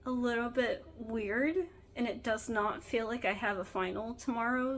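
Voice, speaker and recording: A veterinary student in her twenties talks casually and candidly to the camera in a diary-style vlog, often saying "um" and "like." Her voice is a little high, and the audio is poor.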